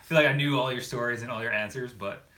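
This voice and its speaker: Easygoing host, bright voice. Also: male voice, medium pitch, fast. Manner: easygoing, slangy, lots of fillers. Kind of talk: casual chat.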